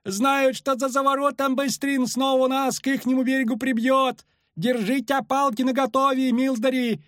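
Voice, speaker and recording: A man's voice: level tone, normal speed, fairly bright tone, no room sound, studio quality. A man voicing a panicky rustic male ferryman who shrieks in country dialect. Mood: frantic. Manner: shrill, wailing, rustic dialect.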